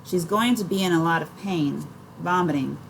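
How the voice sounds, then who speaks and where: A calm grown doctor in an audiobook who gives plain, measured instructions, as a woman reader puts him on. He speaks steadily, without fuss. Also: on the low side, gravelly, slight background noise, poor audio. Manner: measured, matter-of-fact. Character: calm adult male country doctor.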